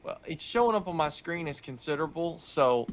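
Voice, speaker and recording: A man's voice: fairly high pitch, animated, a little fast. A man co-hosting live storm coverage, thinking aloud in a cautious, hedging way. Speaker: co-host storm tracker. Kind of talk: live weather commentary.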